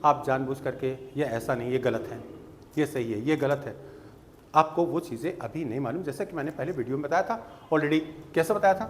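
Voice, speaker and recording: A man teaching spoken English, explaining slowly and patiently and checking that students follow. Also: medium pitch, slight background noise. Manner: slow, patient explaining with checks like "theek hai?".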